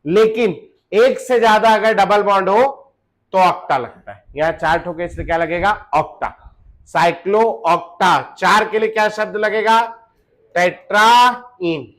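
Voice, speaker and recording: A man's voice: sits high, a little slow, a bit bright. A question-firing chemistry teacher, a man. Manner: asks the class questions and answers them himself, joking; mixes in English phrases. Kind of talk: classroom lecture.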